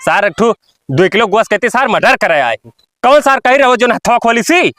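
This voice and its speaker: Man acting a high-voiced scornful Awadhi-accented villager. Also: animated, normal speed, sharp tone, exaggerated voice. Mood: mocking. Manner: scornful, scolding. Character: irritable, mocking villager who scorns the drunk. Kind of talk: amateur rural comedy sketch acting.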